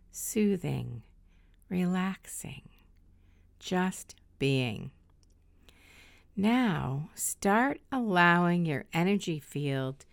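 Middle aged lady doing guided meditation, really slow n soft, breathy and soothing, lowish voice, dry close sound. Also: no echo. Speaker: host leading guided meditation.

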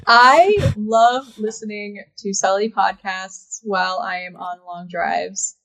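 A woman's voice: mid-range voice, slow pace, fairly bright tone, low-quality recording. A woman guesting on a podcast in casual chat, giggly and agreeable.

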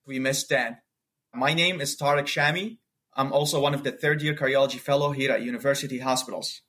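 A man's voice: mid-range voice, fairly even intonation, a little fast, bright, forceful tone. A man from Syria, a cardiology fellow, introducing himself as a podcast guest in a friendly, lightly joking way. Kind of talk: prepared self-introduction.

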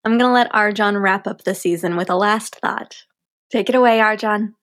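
A woman's voice: mid-range voice, moderate pace, a bit bright. A woman co-hosting a podcast, talking casually and upbeat and laughing easily. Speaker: podcast co-host and producer.

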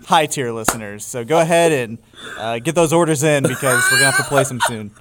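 A man's voice: medium pitch, fairly quick, heavy background noise. A man co-hosting a comedy podcast in casual chat, with a dry, easygoing manner. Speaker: podcast co-host.

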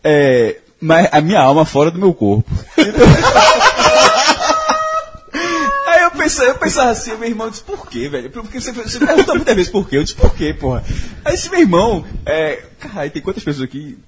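High-pitched animated man telling a story. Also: fast talker, hardly any pauses, heavy background noise. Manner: animated storytelling, laughs often, swears freely. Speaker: podcast guest telling a story. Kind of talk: casual chat.

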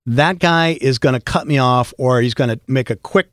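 Animated middle-aged man, dry close sound. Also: mid-range voice, moderate pace, no room sound. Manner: animated, storytelling, frequent restarts. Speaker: podcast guest, voice actor. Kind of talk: casual conversation.

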